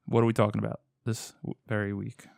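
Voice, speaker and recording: A man's voice: fairly low pitch, flat delivery, vocal fry, a little mellow, no echo, studio quality. A man from Boston co-hosting a podcast, chatting casually with friends, swearing freely. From Boston area. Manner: chatty, swearing, quick asides. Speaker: podcast co-host.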